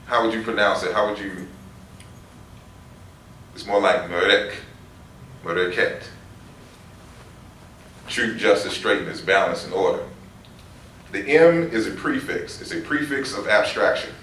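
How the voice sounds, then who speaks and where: A man's voice: lowish voice, normal speed, fairly bright tone. A man giving a lecture, explaining words and reading out long lists of them. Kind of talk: lecture on word roots. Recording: roomy echo from far off, faint noise.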